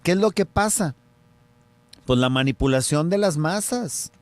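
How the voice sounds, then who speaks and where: A man speaking Spanish with a Mexican accent, on a radio show where he talks about medicine. He tells the story with lively energy and acts out the lines of the people in it. His voice sits a bit high, recorded dry and close in a studio. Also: unhurried, no room sound. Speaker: radio show host, surgeon.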